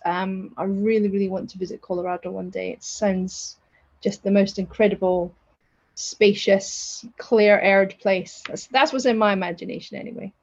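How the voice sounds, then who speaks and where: Chatty woman co-hosting a podcast, husky voice, bit muffled recording. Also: mid-range voice, a little mellow. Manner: chatty and self-deprecating, laughs often. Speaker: podcast co-host. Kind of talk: casual podcast chat.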